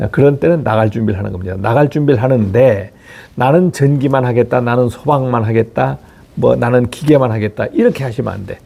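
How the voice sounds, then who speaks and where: Middle-aged facilities chief, gravelly husky voice, blunt rhetorical lecture with swearing. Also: male voice, mid-range voice, dark tone. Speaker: facility management chief giving career advice. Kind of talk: motivational talk to viewers.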